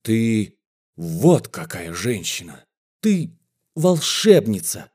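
A man's voice: fairly low pitch, sing-song, slow, a little mellow, slightly rough, heavily acted. A man voicing a wiry male bandit in his thirties with a ringing tenor voice, making a fiery, oath-swearing speech in an audiobook. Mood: fervent. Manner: fiery, chest-thumping oaths.

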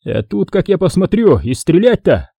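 A man voicing a brash young soldier who shouts quips under fire, in a husky dark voice. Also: high voice, wildly swooping pitch, moderate pace, dry recording, pitched above the performer's own voice, full character voice. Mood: shouting.

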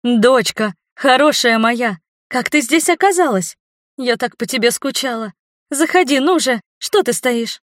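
A woman's voice: medium pitch, normal speed, no room sound, studio quality, close to an everyday voice. A woman reading an audiobook, voicing a loving middle-aged mother who is emotional and guilt-ridden. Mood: effusive, joyful.

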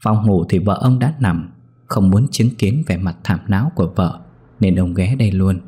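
A low, dark, very husky male voice tells a ghost story in a slow, somber way. Soft music plays faintly under the narration. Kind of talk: scripted horror story narration.

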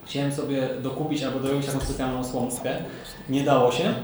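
A man's voice: medium pitch, flat delivery, brisk, a little mellow, distant mic. A chatty man podcaster talks casually with other podcasters and explains things through examples. He sits some way from a shared handheld recorder in a very echoey room, and a faint hiss runs under his voice. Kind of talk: casual panel chat.

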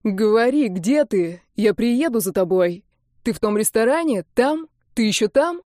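A woman reading the part of a tough young man who snaps and shouts angry demands. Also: medium pitch, a little slow, no echo, clean studio sound, close to an everyday voice. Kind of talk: audiobook character reading.

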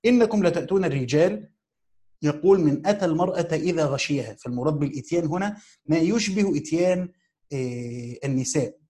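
Speaking with an Egyptian Arabic accent, a male teacher works through a commentary phrase by phrase in class, reading slowly and repeating key words for emphasis. His fairly high voice is mellow and expressive, and he often poses rhetorical questions to the students.

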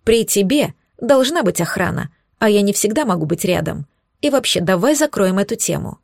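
A protective young man in a storybook reading, voiced by a woman in her own voice. He is curt and a little gruff. The sound is dry and close. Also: medium pitch, animated, normal speed, a little mellow, no echo.

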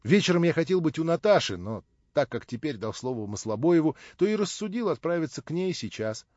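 Guy reading an old novel, calm and even, kinda high voice, dull dry audio. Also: brisk, no echo. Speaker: audiobook narrator. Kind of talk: first-person literary narration.

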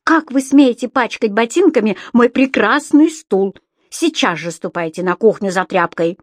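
A woman's voice: medium pitch, unhurried, no room sound, studio quality, lightly acted. A woman voicing a bossy, rude landlady who scolds and barks commands. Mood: scolding.

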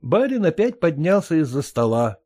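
Lively male storyteller. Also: on the high side, dry recording, studio quality. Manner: measured storytelling. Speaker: narrator. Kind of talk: scripted narration of a classic story.

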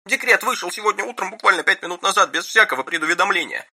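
An actor playing a frantic, gabbling political agent pleading down a phone line. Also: male voice, high voice, fast talker, bright, forceful tone, exaggerated voice. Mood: panicked pleading.

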